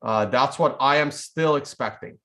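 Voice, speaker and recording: A man in his thirties, a native Russian speaker, hosts a casual trading stream from an indoor home studio over a webcam video call. He rambles off the cuff in this live-stream chat, full of fillers and restarts. His voice is medium-pitched and sharp in tone, at a moderate pace.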